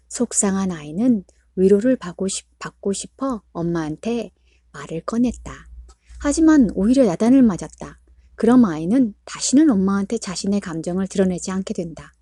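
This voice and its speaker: A woman reading a book aloud in a calm, measured storytelling way. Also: medium pitch, no room sound, studio quality. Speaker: book reader. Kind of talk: read-aloud book narration.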